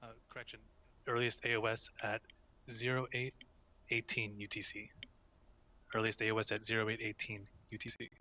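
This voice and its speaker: A man's voice: fairly low pitch, monotone, normal speed, pauses often, pushed and bright. A man serving as flight director, giving clipped procedural announcements from mission control and repeating each callout.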